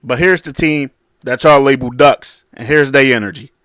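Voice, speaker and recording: A man's voice: medium pitch, normal speed, a bit bright. A man giving casual boxing commentary in a blunt, slangy, combative way.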